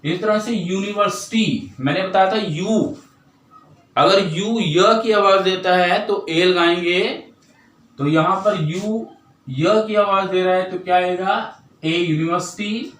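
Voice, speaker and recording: High-voiced Indian teacher, slow and roomy. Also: male voice, fairly bright tone, distant mic. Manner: explains step by step, poses questions then answers them; drawls example words slowly. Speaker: English grammar teacher. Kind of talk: classroom grammar lesson.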